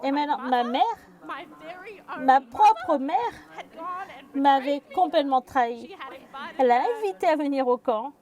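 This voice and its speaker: A woman giving live interpretation of a speech, speaking haltingly and often correcting herself. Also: sits high, animated, a crowd in the background. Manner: halting, with restarts and fillers.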